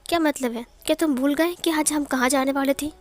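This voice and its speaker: A woman's voice: sits high, fairly quick, natural voice. A woman voicing a jealous, sulky young male master who talks in curt, snappish lines in a storybook retelling.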